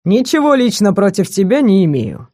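A woman reading an audiobook, voicing a young male werewolf kidnapper who speaks low, quiet and mocking. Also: very animated, moderate pace, no room sound, clean studio sound. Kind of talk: audiobook character voice.

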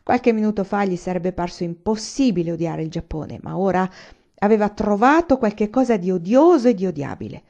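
A woman reads a novel aloud in a steady, measured audiobook delivery. Her voice is warm and mellow, and the lo-fi recording sounds a bit dull. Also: mid-range voice, vocal fry. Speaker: reader. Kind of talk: audiobook narration. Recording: slightly muffled lo-fi recording.

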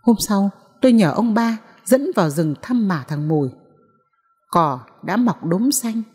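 A woman narrating a novel in the first person as an audiobook reader, in a measured, mournful way. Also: mid-range voice, animated, a little mellow, husky, long reverb tail.

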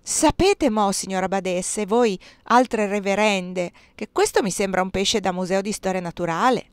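A woman voicing a fussy, pedantic male bookkeeper for a convent, excitable and alarmed. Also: medium pitch, normal speed, clear, resonant tone, no echo, close to an everyday voice. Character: fussy, alarmed old male accountant-priest.

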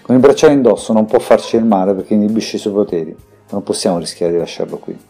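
A man voicing a weary old sage in an audiobook, speaking in slow, grave explanations. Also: on the low side, mellow, soft background music.

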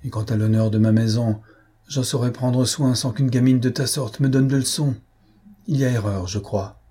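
A man's voice: medium pitch, steady tone, moderate pace, mellow, breathy edge, natural voice. A man voicing a proud, stern older farm wife who speaks curtly, in a storybook reading. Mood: harsh. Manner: curt and commanding.

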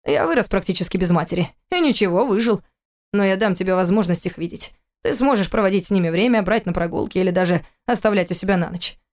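A woman's voice: medium pitch, quick pace, a little mellow, lightly acted. A woman voicing a cold, furious adult husband in an audiobook, speaking in a harsh, clipped, contemptuous way. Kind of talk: audiobook character reading.

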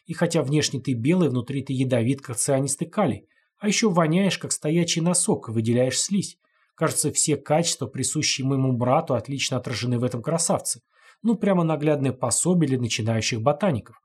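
A man's voice: mid-range voice, expressive, brisk, darkish tone, slightly rough. A man voicing a cruel gamekeeper who mutters and sneers spitefully, in a storybook reading. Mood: sneering. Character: cruel muttering gamekeeper, hateful toward brother.

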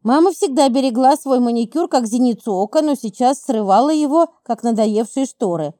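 A woman narrating a first-person audiobook in a smooth, even storytelling manner. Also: fairly high pitch, normal speed, no room sound, clean studio sound.

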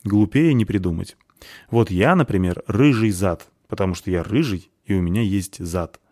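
A man's voice: lowish voice, moderate pace, mellow, no echo, studio quality, close to an everyday voice. A man doing a cheeky, grumpy cat-boy. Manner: grumbling, cheeky. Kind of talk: audiobook character voice.

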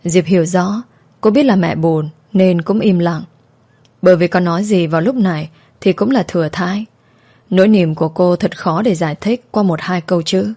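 Calm, low-voiced woman storyteller. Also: normal speed. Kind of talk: scripted story narration.

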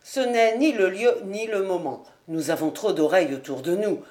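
An older nobleman, calm and used to command, given voice by a woman reading aloud. He speaks firmly and in measured phrases. The tone stays composed even in a crisis. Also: fairly low pitch, natural voice.

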